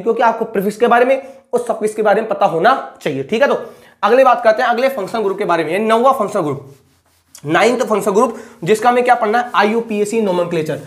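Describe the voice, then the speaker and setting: A man's voice: high voice, quick pace. A male chemistry teacher recapping a lecture, who asks each question twice and then answers it himself.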